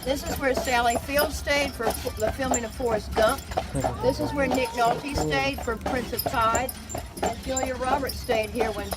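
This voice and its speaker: An older woman of about seventy giving a chatty, explanatory sightseeing commentary as a tour guide, projecting to her group outdoors. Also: on the high side. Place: outdoors on a moving open carriage. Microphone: handheld phone a short distance away. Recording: very noisy outdoor phone recording, clopping hooves. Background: loud noise, horse hooves clip-clopping.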